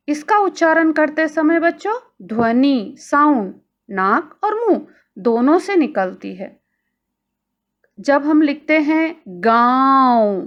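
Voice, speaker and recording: A woman teacher giving a recorded grammar lesson to children, speaking slowly and carefully and addressing them directly. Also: high voice, highs cut off. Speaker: Hindi teacher.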